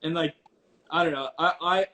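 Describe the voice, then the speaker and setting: A man's voice: on the high side, normal speed, bright, forceful tone. A man chatting casually as a DJ guest, informal and hesitant, repeating himself, speaking into headphones used as a mic. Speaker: DJ and livestreamer, interview guest. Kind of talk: casual chat. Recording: noisy headphone mic on online call.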